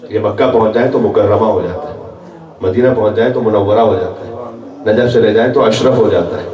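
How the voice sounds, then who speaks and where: A man's voice: on the low side, steady tone, muffled recording. A male guest preacher delivering a religious sermon at a gathering, weaving chanted quotations into his explanations. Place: large hall at a religious gathering. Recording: echoey hall picked up from far off.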